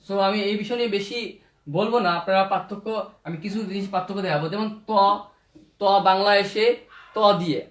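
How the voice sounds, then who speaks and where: Guy with a high voice drilling arabic letter sounds over and over, roomy echo. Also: a bit bright. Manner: slow, repetitive drilling of letters and vowel marks. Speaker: Quran reading teacher. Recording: echoey room.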